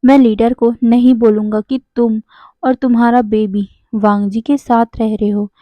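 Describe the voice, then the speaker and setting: A woman's voice: on the high side, little pitch movement, measured pace, no echo, narrow, tinny audio, lightly acted. A woman voicing a suspicious young man who becomes an ally, in a plain reading voice. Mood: relieved. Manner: plain reading voice, barely changed.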